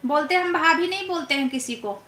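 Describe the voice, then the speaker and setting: Her voice sitting high and sharp, a young streamer reads viewer comments aloud and teases her audience in a playful, casual way, drawing out her questions. The recording has an echoey room and faint noise behind her.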